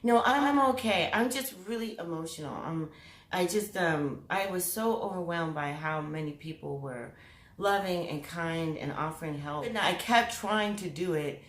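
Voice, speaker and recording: A woman's voice: fairly low pitch, moderate pace. A woman hosting her own vlog, chatting to camera in a giggly, rambling way that drifts into tangents. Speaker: vlogger and channel host. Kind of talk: casual chat to camera. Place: room with mirrors. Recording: echoey room.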